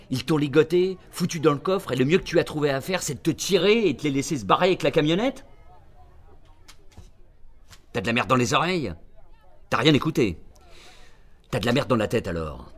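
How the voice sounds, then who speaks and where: An actor playing an irascible, sarcastic, foul-mouthed agent barking orders over the phone in a radio drama. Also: male voice, mid-range voice, animated, moderate pace, pauses often, natural voice. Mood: furious. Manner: sarcastic, bullying, blunt. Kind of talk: radio drama acting, phone-call monologue.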